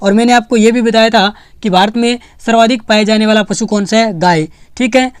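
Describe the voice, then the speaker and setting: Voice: medium pitch, a little fast, clean tone, dry recording, clean studio sound. A teacher from Rajasthan, giving an online exam-prep lecture. The teacher keeps calling the students friends and repeats the key facts for them to remember.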